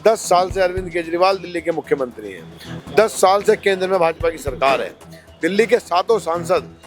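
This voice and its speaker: High-voiced man arguing politics. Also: expressive, moderate pace, soft background music. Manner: argumentative, rhetorical questions. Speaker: politician, candidate. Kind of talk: interview answers.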